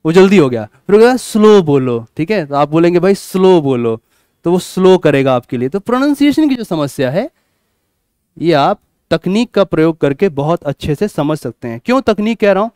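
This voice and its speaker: A man teaching a class, lively, asking questions and answering them himself. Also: sits high, a little fast, clear, resonant tone, no echo, clean studio sound. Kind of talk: classroom lecture.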